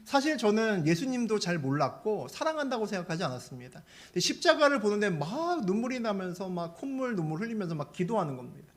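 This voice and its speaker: Male pastor, sermon; pitched a bit high, swings up and down a lot, storytelling delivery. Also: fast, few pauses. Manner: animated storytelling, asks the congregation questions.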